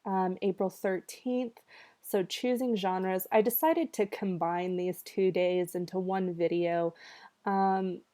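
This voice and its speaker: A woman's voice: mid-range voice, mellow. A woman teaching a college writing class in a recorded video lecture, with a slightly nasal voice from allergies and a conversational way of talking, full of ums and check-ins with students.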